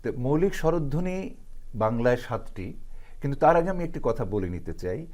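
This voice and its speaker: A man's voice: mid-range voice, big pitch swings, a little fast, darkish tone. A man working as a pronunciation trainer, explaining and demonstrating vowel sounds aloud. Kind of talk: explanatory lesson.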